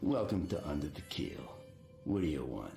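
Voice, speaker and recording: A man's voice: very deep voice, sing-song, normal speed, gravelly, warm tone, heavily acted. An actor playing a surly, guarded barman in a video game. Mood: surly, dismissive. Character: surly, guarded male barman of a seedy bar. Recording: music behind the voice.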